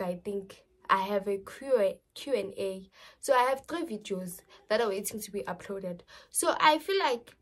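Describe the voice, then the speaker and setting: A young South African woman talks straight to her camera from a small bedroom, chatty and loose. Her speech slips back and forth between English and Zulu, with a South African accent and lively, expressive delivery. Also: on the high side. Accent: South African, mixing in Zulu. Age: young adult. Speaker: vlogger. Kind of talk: casual chat to camera.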